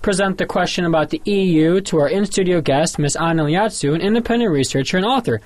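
A man's voice: high voice, fast. A man hosting a studio panel, introducing guests and putting questions to them in a broadcast interview style. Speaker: host moderating a panel discussion.

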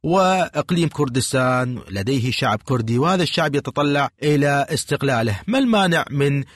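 A man hosting a radio talk show, putting questions to guests and wrapping up the episode in a formal, measured broadcast manner. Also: mid-range voice, lively intonation, dry recording, studio quality.

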